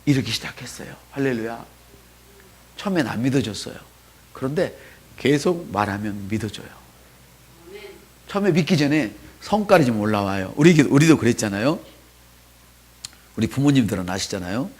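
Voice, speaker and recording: A man preaching a sermon as pastor in a church, dropping to soft asides and rising to loud calls, and leading the congregation in spoken responses. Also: mid-range voice, lively intonation, moderate pace, long pauses, slightly rough.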